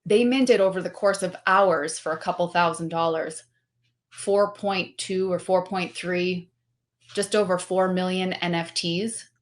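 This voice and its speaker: A woman speaking as a guest in a casual interview, animated and talkative, full of fillers and restarted sentences. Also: on the low side, unhurried. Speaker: guest, company representative.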